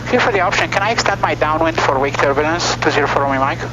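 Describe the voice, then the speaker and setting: This solo student pilot's voice is on the high side and quick. He narrates his own actions and makes radio calls from the cockpit of a small plane in flight, where the audio is dull and engine noise comes through clearly.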